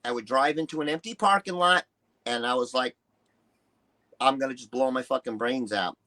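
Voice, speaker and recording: This medium-pitched man speaks at a moderate pace with a sharp tone. He's a New Yorker in his early 60s, a retired musician and bodybuilder, telling candid personal stories as an interview guest, blunt and emphatic, swearing freely and acting out what other people said.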